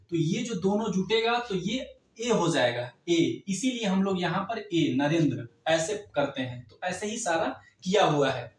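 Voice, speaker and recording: A man's voice: sits high, distant mic. A man teaching an exam-prep grammar lesson, explaining step by step and checking in with the class often. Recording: echoey room, voice off-mic.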